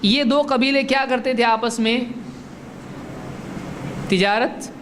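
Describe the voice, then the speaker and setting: A man's voice: very high voice, background noise. Man teaching, answering his own questions. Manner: asks the audience questions and answers them himself; recites Arabic verses slowly and deliberately. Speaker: Islamic religious teacher. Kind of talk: religious lecture.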